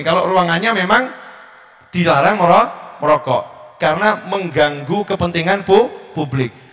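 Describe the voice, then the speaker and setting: A man with a Javanese accent preaching a sermon, swinging between loud shouted calls and hushed asides. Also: fairly high pitch.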